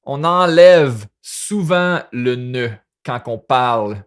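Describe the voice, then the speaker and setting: A man's voice: mid-range voice, expressive, slow pace, clean tone. A man with a Québécois French accent teaching a lesson, breaking down rap lyrics line by line and repeating words to show pronunciation. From Quebec.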